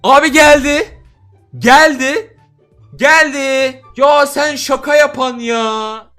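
A man commenting on crate openings, teasing his friends with laughs and shouts. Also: very high voice, steady tone, slow, faint music behind. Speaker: gaming YouTuber. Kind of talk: excited gameplay chat.

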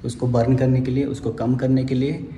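A man's voice: mid-range voice, level tone, fairly quick, warm tone. Man vlogging in an echoey gym. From India. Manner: chatty, coaching, counts breaths during reps. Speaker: fitness vlogger. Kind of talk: casual workout vlog with exercise instructions. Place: indoor gym, large echoey room. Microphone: phone camera, often held at arm's length or set on the floor. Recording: echoey gym, voice often far from the phone, gym noise behind.

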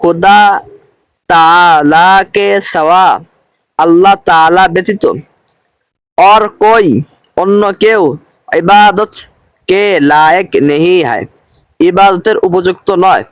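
Male teacher, higher voice, dry close sound, patient and repetitive explanation. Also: clean tone, no echo. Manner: slow, patient explanation, repeating each phrase with its translation. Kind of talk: recorded lesson.

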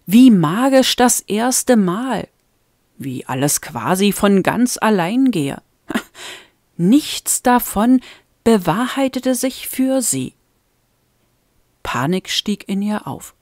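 A woman narrating a fan-made audiobook in a deliberate tone with dramatic rises. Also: mid-range voice, sing-song, a little mellow, no room sound, studio quality. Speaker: audiobook reader.

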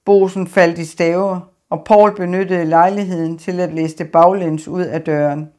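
A woman reading an audiobook in an even, measured narration. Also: on the low side. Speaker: audiobook reader. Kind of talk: scripted narration.

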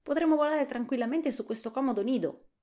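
A woman voicing a fussy, excitable male scarecrow of straw in a soft-spoken whispered role-play audiobook. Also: fast talker, lightly acted. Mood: delighted. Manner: excitable, rising to high pitch.

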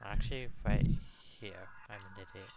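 A man from Canada chatting casually with his teammate during an online game, making relaxed callouts and boastful jokes. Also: fairly low pitch, normal speed, heavy background noise. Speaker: gamer and uploader. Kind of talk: casual gameplay chat with a teammate.

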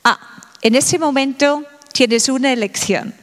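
A middle-aged woman addresses a lecture audience in a high, bright-toned voice, pressing them with one rhetorical question after another. She speaks slowly and deliberately. Her voice rings with the long reverb of a large hall. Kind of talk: public lecture.

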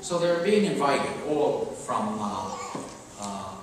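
Captured from far away by a camera microphone, an older preacher stands at the pulpit of a big, very echoey church with obvious background noise. His mid-range voice is very animated as he delivers a conversational sermon, emphatic and halting, full of pauses and rhetorical questions.

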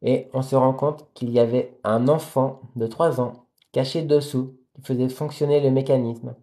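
Mellow-voiced man reading a novel aloud. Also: mid-range voice, steady tone, moderate pace. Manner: reads steadily, then sums up in plain hesitant talk. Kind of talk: live reading aloud with chatty asides to viewers.

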